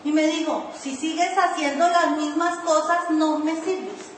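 High-voiced woman preaching in an echoey hall. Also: steady tone, measured pace, a little hiss or hum. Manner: storytelling preacher, mimics her own pleading in a sing-song whine. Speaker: pastor. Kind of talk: sermon. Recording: echoey room, voice from far off.

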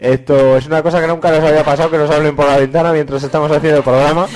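A man's voice: a little high, little pitch movement, very fast, crowd noise. A man co-hosting a radio comedy show, rowdy, laughing and swearing in loose banter.

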